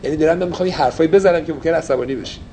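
Man teaching a relaxed Torah class. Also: fairly high pitch, slight background noise, low-quality recording. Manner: mixes Persian and English, explains phrases.

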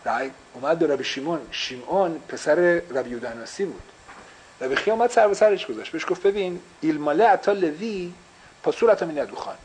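Male teacher, slightly high voice, questions the class and drops in English phrases. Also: expressive, darkish tone, a little hiss or hum, low-quality recording. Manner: explains with repeated rhetorical questions; mixes English phrases into Persian. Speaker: religious teacher.

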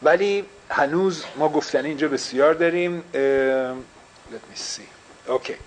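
Male teacher, slightly high voice, questions the class and drops in English phrases. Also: a little hiss or hum, poor audio. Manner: explains with repeated rhetorical questions; mixes English phrases into Persian. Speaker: religious teacher.

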